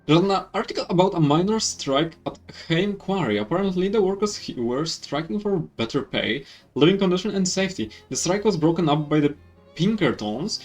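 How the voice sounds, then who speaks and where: A Polish-accented man reads game text aloud for a let's play, his voice fairly high and very lively. He trips over words now and then and corrects himself. Quiet game music runs in the background. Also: fairly quick. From Poland. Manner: reads with stumbles and self-corrections. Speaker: gaming YouTuber. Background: faint game music.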